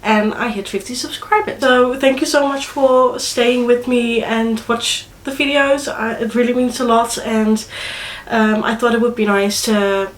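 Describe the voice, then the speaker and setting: In a reverberant space, a young woman from the Netherlands talks casually to her camera for a vlog, her nose blocked by a cold. Her Dutch-accented speech is chatty yet hesitant, packed with fillers and restarts, in a slightly slow, fairly even, higher-pitched voice.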